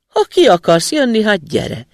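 A sly young student, voiced by a male reader, answering with cheeky, quick wit in a somewhat raised voice. His pitch moves a lot, with a gravelly edge. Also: wildly swooping pitch, no echo, clean studio sound, heavily acted. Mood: calling. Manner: cheeky, quick-witted replies.

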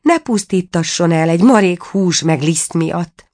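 A woman's voice: lowish voice, a little mellow, close to an everyday voice. A woman voicing a small, timid dwarf cook who pleads and trembles in a storybook reading. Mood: pleading.

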